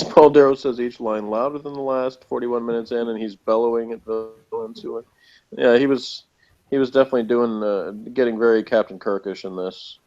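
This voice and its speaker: In a slightly dull, lo-fi recording, a man with a mid-range voice runs a casual review show. He speaks a little fast, working through his notes and chuckling at his own comments.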